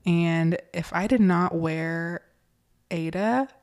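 A woman's voice: fairly low pitch, slow pace, darkish tone. An American woman hosting a casual chat, with slightly whistling s sounds. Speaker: podcast host, pediatric nurse practitioner.

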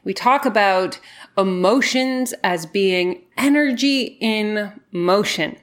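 A woman's voice: mid-range voice, takes it slowly. Effusive woman hosting a spiritual podcast. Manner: effusive, emphatic, informal. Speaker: podcast host. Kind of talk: spiritual podcast monologue, conversational storytelling.

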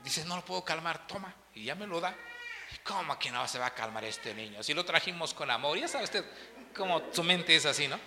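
A man preaching a sermon as pastor, animated, swinging between loud and soft. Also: fairly high pitch, a little fast, in a large hall, background noise.

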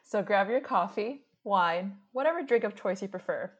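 A woman in her late twenties from Brooklyn reads a scripted podcast intro as co-host. Her voice sits at a middle pitch, and she speaks in a measured, reflective way. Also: lively intonation, lo-fi sound. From Brooklyn, New York. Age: late 20s.

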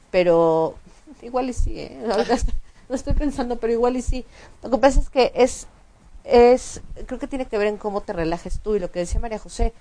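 A woman, co-hosting a casual chat show and explaining points at length with frequent restarts. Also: mid-range voice. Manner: animated, explanatory, many restarts and fillers. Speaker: co-host.

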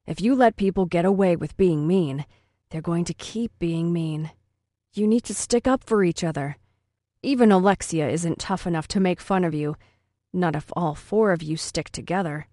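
Woman doing a stern male teacher, lowered voice. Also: dark tone, dry recording, studio quality, lightly acted. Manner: firm, measured lecturing. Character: stern, calm male schoolteacher.

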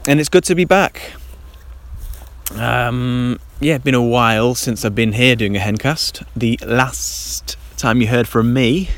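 Man on a handheld dictaphone recording. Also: fairly low pitch. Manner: rambling, with many ums and restarts. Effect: handheld dictaphone recording outdoors. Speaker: podcast host. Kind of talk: casual solo podcast chat. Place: damp garden outdoors in light rain, then a covered shelter.

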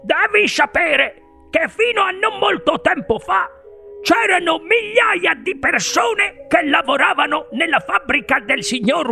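A reader voicing an excitable old grandfather in a storybook audiobook, exclaiming and stretching words for drama. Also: very high-pitched, gravelly, pitched above the performer's own voice, heavily acted. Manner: dramatic, exclaiming, drawn-out emphasis. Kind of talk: audiobook character voice.

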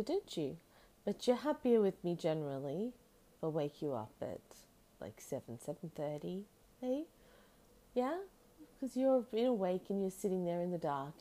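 A woman podcast host chats casually and intimately with her pet bird, doting on it and rambling, using soft tag questions. Her voice is lowish.

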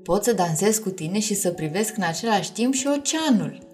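A woman's voice: medium pitch, lively intonation, a little mellow, faint music behind, lightly acted. A woman reading a storybook aloud and voicing Ariel, an emotive, caring young mermaid princess. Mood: tender.

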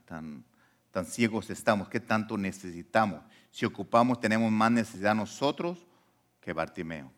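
A man preaching a sermon as pastor. He swings from quiet asides to loud emphasis and keeps asking the congregation questions. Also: lowish voice. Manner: conversational, asks the congregation questions.

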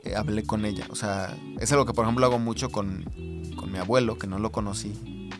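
A man with a Mexican accent telling a personal story as a podcast guest, hesitant and halting with many fillers. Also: lowish voice, steady tone, over music. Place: recording booth.

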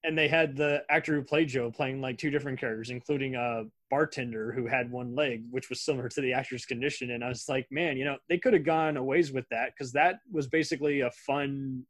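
A man hosting a podcast in casual chat, relaxed and talkative, laughing often. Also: medium pitch, a little fast, few pauses, dry recording. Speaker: podcast host.

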